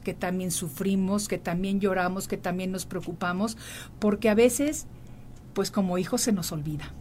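Middle-aged lady hosting, earnest and reflective, soft hiss behind. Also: medium pitch. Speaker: host. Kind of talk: emotional interview conversation.

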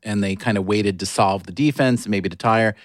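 Man, podcast co-host, curious questions, somewhat low voice, dry close sound. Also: fairly quick, dry recording. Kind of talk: casual chat, asking questions.

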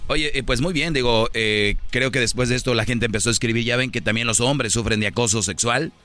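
A man's voice: medium pitch, brisk, bright, forceful tone. A man on a radio show, playing the straight man who questions the stories. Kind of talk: comedic radio banter.

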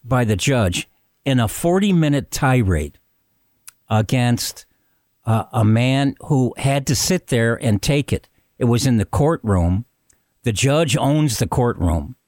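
A man's voice: mid-range voice, lively intonation, slow pace, darkish tone, no room sound. Male podcast host in a dry room. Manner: conversational, emphatic. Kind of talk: podcast commentary.

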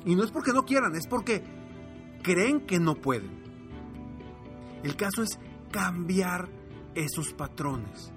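A man's voice: high voice, takes it slowly, pauses often. A man hosting a podcast as a business coach, giving a motivational talk and acting out voices as he tells stories. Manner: animated, acts out his children's voices. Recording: music bed underneath.

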